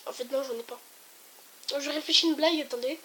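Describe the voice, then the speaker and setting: A woman's voice: high-pitched, fairly even intonation, fast talker, bright, forceful tone, a little hiss or hum. A woman telling jokes casually to her viewers, hesitant and rambling, stopping to restart and apologize. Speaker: joke teller. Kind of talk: casual joke telling to camera.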